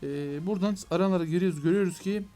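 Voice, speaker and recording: Over soft background music, a high-voiced young man excitedly narrates his mobile gameplay for YouTube. Addressing viewers as "gençler" and talking back to the game, he feigns frustration whenever something goes wrong, all at a fast clip.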